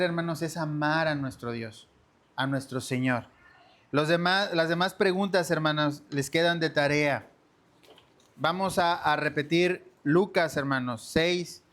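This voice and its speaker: A man's voice: fairly high pitch, a bit bright. A man teaching a church discipleship lesson in an earnest sermon style, often addressing his listeners as brothers and sisters.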